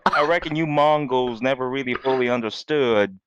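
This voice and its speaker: A man's voice: medium pitch, moderate pace, muffled recording, noisy background, natural voice. A man voicing a swaggering samurai who boastfully challenges invaders, in a mock-heroic manner.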